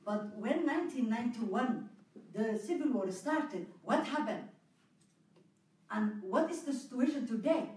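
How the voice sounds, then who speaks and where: A woman speaking earnestly on a discussion panel, halting now and then with fillers. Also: a little high, expressive, a little mellow. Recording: very echoey hall, far from mic.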